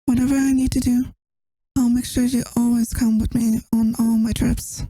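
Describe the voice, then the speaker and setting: A woman's voice: fairly high pitch, level tone, moderate pace, slightly rough, no echo, faint music behind. A woman playing a tired, affectionate girlfriend who misses her partner, in a tender, intimate ASMR role-play. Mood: tender, reassuring. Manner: tender, intimate, soft-spoken.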